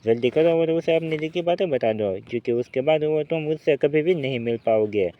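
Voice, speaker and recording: A man's voice: a little high, brisk, dull audio, natural voice. Man doing bossy hot-headed boy hero. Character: cocky young boy superhero, hot-tempered.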